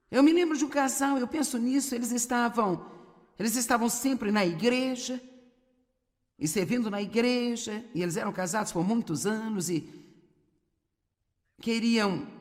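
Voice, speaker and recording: A woman, delivering a dubbed sermon with earnest exhortations to her listeners. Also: a little high. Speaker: preacher. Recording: long hall reverb, faint crowd.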